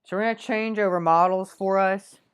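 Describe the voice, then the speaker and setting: A woman's voice: medium pitch, steady tone, normal speed, clear, resonant tone. A woman presenting a live weather segment in a small local TV studio, talking off the cuff with many fillers and self-corrections.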